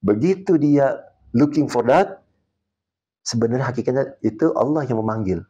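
A man's voice: medium pitch, lively intonation, normal speed, warm tone, slightly rough, dull audio. A man, a martial arts coach, talking on a podcast and telling a story, acting out the people he quotes and dropping English words into his speech. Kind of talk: casual podcast talk.

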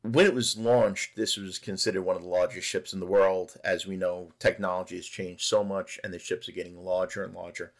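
A middle-aged man giving a relaxed, conversational voice-over narration for a cruise ship tour vlog. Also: low-pitched, a little fast, few pauses. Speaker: travel vlogger.

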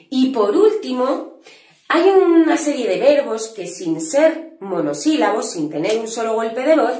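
Lively Spanish teacher, echoey room. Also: female voice, on the high side. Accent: Spain. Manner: upbeat, chatty, addresses viewers directly. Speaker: English teacher. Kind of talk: online grammar lesson.

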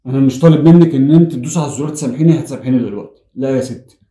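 A man's voice: mid-range voice, racing, dark tone, roomy sound. A man with an Egyptian Arabic accent, pleading with his wife in a prank vlog, swearing oaths and stumbling over his words. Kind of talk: emotional pleading, then casual joking.

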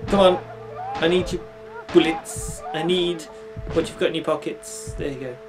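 Jokey higher-pitched man doing game commentary. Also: moderate pace. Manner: animated, jokey, talks to game characters. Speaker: gaming video host. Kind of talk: casual playthrough commentary. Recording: game music behind voice.

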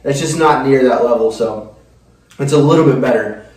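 Young guy chatting to camera, mouth on fire from spicy food, gaspy n halting, really roomy distant mic. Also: mid-range voice, a little mellow. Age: young adult. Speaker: host of a spicy food challenge show. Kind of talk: casual on-camera chat. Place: small indoor room, seated at table. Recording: echoey room, distant microphone.

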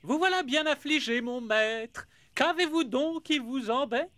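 A small, vain cartoon cat with a high, bright voice. He declaims like a hammy stage actor, pompous and florid. The sound is close and dry. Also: measured pace, dry recording. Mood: pompous declaiming. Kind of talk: cartoon dub acting.

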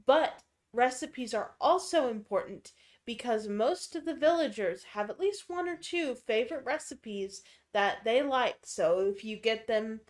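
Lady co-host, highish voice, casual game tips, explains stuff in detail. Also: animated, a little slow.

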